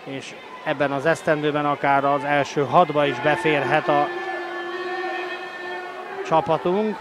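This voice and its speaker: A man giving excited, openly partisan live play-by-play sports commentary as he roots for his team. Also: a little high, a crowd in the background. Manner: excited, breaking into shouted goal calls. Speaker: sports commentator of a water polo match. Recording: noisy live sports venue ambience.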